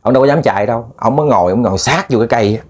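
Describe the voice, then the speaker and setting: A man's voice: mid-range voice, very fast, darkish tone. Southern Vietnamese man telling ghost stories. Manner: chatty, repetitive, addresses listeners as family. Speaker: ghost storyteller. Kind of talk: casual spoken storytelling.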